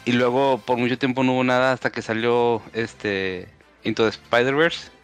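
A man's voice: mid-range voice, fairly even intonation, normal speed, a bit bright, faint music behind. A man on a casual podcast, giving long enthusiastic explanations full of fillers. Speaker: podcast co-host. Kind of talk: casual chat.

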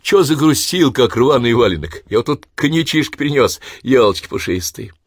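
A man voicing a rowdy, irreverent grown son who cracks loud jokes. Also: mid-range voice, lively intonation, normal speed, no room sound, clean studio sound, pitched above the performer's own voice. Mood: boisterous. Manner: boisterous, loud wisecracking.

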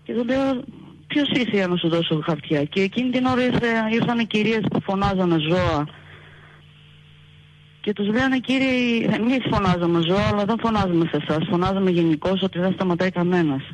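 A young woman calling in to a radio show, telling her story haltingly and retelling what people said. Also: mid-range voice, rough recording. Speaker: caller. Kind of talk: telephone call to a radio show.

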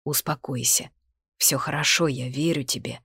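A woman reading the lines of a calm, caring young male mage in an audiobook, in an even, reassuring tone. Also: a little high, normal speed, no echo, studio quality, natural voice. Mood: tender.

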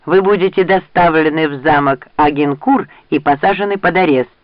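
A man putting on a knight shaken by grief and anger, his voice trembling as he accuses. It sits high, on a dull, lo-fi recording. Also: moderate pace, no room sound, lightly acted. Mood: accusing.

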